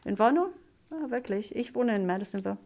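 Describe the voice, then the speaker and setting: A woman from Germany teaches German and hosts a podcast for her classroom, where she asks simple questions slowly and fills the gaps with lots of fillers. She has a medium pitch, lively intonation, and a slightly mellow sound.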